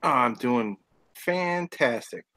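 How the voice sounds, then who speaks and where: A man's voice: mid-range voice, expressive, drawn-out words, sharp tone, dry recording, poor audio. A man, a comic artist guest, chatting casually and joking about himself. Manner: jokey, self-mocking. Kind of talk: casual chat.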